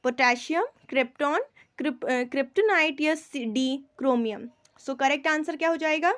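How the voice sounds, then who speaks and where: A quiz teacher with an Indian accent and a high, fairly bright voice explains answers to general knowledge questions. Mixing Hindi with English, she reads each question slowly and keeps checking that her students are following.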